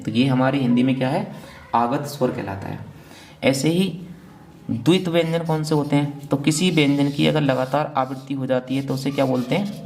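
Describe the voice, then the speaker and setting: A man's voice: medium pitch, gravelly, darkish tone, a little hiss or hum. A man teaching an exam revision lecture, asking questions and answering them himself and often checking in with "theek hai na". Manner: asks question then answers it.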